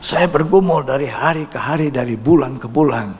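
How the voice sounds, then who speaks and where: A man preaching a sermon as a pastor, telling a testimony with sudden loud rises and soft drops. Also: mid-range voice, fairly quick, slight background noise. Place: large church hall. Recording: church hall reverb.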